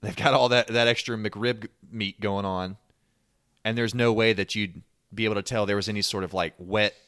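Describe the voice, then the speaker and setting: A man with a low voice hosts a casual podcast chat, riffing and cracking jokes as he goes. His voice is recorded dry and close, with almost no room sound. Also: steady tone, moderate pace, a bit bright, clean tone, dry recording. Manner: joking, riffing. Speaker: podcast host.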